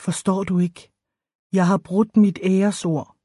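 A woman's voice: mid-range voice, steady tone, mellow, breathy edge, no echo, studio quality, close to an everyday voice. Woman reading a brooding young warrior. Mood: pained.

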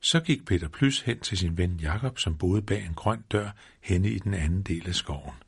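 A man reads a children's story aloud with a measured, repeating rhythm. His voice sits low and carries a husky, slightly breathy edge. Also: animated. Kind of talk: scripted narration of a children's storybook.

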